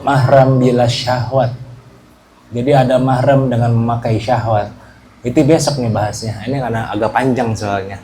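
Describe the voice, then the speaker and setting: A man gives a laid-back religious study lesson to a small group, frequently making sure they follow along. He speaks at a moderate pace in a mid-range voice, with background noise present.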